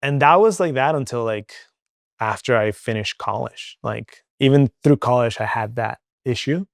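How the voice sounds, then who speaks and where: A man's voice: mid-range voice, normal speed, gravelly, no echo, studio quality. A young man from Venezuela with no accent, talking candidly as an interview guest, chatty and full of fillers. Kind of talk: casual interview talk.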